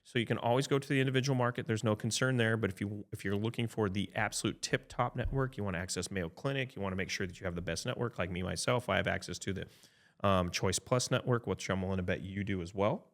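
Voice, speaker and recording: Low-voiced chatty man in his fifties. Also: fast. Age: 50s. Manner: chatty, frequent "right?" tag checks and restarts. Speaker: health insurance advisor. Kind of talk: casual podcast explanation.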